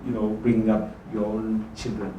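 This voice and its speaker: A man, a doctor, calmly explaining things as a guest expert on a talk show. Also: on the low side, normal speed, muffled recording. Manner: explanatory, calm. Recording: distant, echoey with faint hum.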